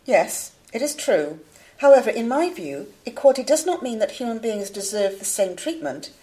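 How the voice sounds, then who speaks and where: Mellow, composed female academic debater, acted by a woman. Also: fairly high pitch. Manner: formal, measured. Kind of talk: scripted studio debate for a listening exam.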